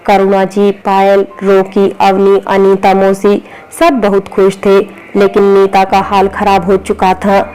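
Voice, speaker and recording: A woman narrating a romantic family story in steady storytelling style. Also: mid-range voice, slow pace, smooth, low-quality recording. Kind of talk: scripted narration.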